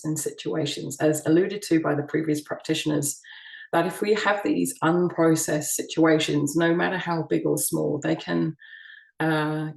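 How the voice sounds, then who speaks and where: Woman sound healer presenting at an online summit, soft and hesitant, heard from a distance in an echoey room. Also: deep voice, gravelly. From United Kingdom. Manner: soft-spoken, gentle, frequent ums and restarts. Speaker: sound healing practitioner.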